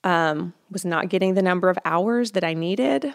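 A woman's voice: lowish voice, normal speed, creaky. A woman in her thirties, a counselor, talking candidly and reflectively as an interview guest, with frequent ums. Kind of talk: conversational interview.

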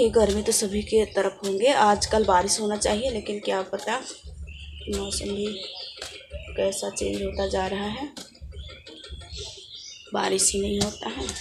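Gravelly-voiced village woman vlogging by phone. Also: mid-range voice, noisy background. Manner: chatty, plain and homely, addresses viewers directly. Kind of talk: casual chat to camera. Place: small indoor village room with painted walls. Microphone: phone held close, selfie framing.

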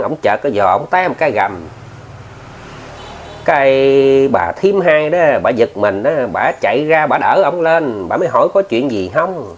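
A man's voice: mid-range voice, muffled recording. A man with a Southern Vietnamese accent telling a ghost story in a casual, chatty way, often turning to his listeners and using many filler words. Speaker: ghost story narrator, channel host.

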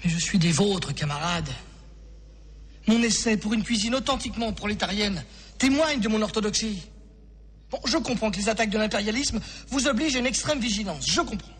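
A shrill panicked Frenchman. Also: animated, brisk, husky, full character voice. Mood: pleading. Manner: desperate, protesting, often shouting. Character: panicked French man held by Soviet police. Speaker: detained Frenchman. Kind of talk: 1980s television drama acting. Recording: television drama with music behind.

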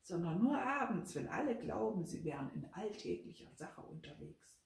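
A woman's voice: on the low side, very animated, moderate pace, creaky, darkish tone. A woman voicing a stern, superstitious old head maid who talks in a scolding, preachy way. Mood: ominous. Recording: roomy, from a distance.

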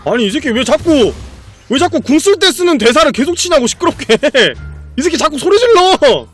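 A male streamer commentating his own live game stream, excitable and profane, laughing often. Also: very high voice, moderate pace, faint music behind.

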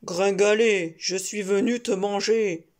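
A woman's voice: mid-range voice, fairly even intonation, takes it slowly, darkish tone, close to an everyday voice. A woman voicing a hungry, impatient, menacing male wolf, growling and howling, in a storybook reading to a toddler.

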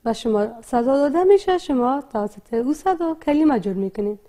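Afghan Dari teacher sounding out words. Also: female voice, high voice, animated, mellow. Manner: breaks words into syllables and sounds, repeating each slowly. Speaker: primary school teacher. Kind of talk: slow, repetitive literacy lesson.

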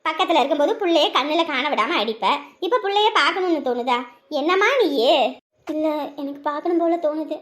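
A woman's voice: sits high, lively intonation, a little fast, fairly bright tone. An actress playing a worried wife and mother who talks in a pleading way. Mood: anxious. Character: anxious adult wife and mother.

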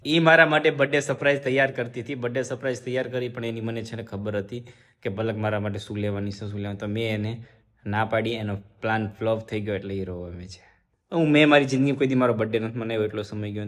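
Young male vlogger, rapid and chatty, talking straight to viewers. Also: fairly low pitch, fairly even intonation, fairly bright tone. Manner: chatty, addresses viewers directly. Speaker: family vlogger. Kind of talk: casual vlog talk to viewers.

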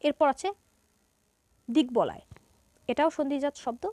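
A woman with a fairly high voice and a Bangladeshi Bengali accent teaches a grammar lesson. She explains each point step by step and poses questions to her students that she then answers herself. The sound is dry and close, with no room around it. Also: expressive, a little slow, dark tone, no echo.

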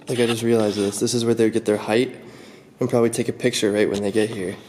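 This young man's lowish, darkish voice stays level and fast as he explores a large empty abandoned building on camera, chatting curiously with viewers. The handheld camera mic picks up slight background noise.

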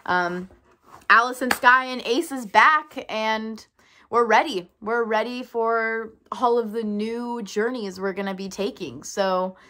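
A woman's voice: fairly high pitch, takes it slowly, bright, forceful tone. Bubbly, giggly young woman vlogger. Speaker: service dog trainer and vlogger. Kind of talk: casual vlog chat to followers.

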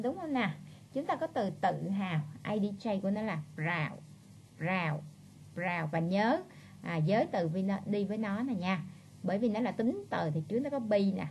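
A woman teaching English in a classroom lesson with a Southern Vietnamese accent. She repeats each word several times slowly and keeps checking in with her students in a coaxing, chatty way. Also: medium pitch, slight background noise. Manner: drills words by slow repetition, coaxing chatty tag words.

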